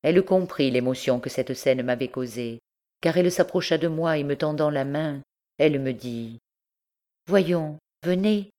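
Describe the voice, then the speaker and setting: A woman narrating a classic novel as an audiobook, in a measured, unhurried way. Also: extremely low pitch, warm tone.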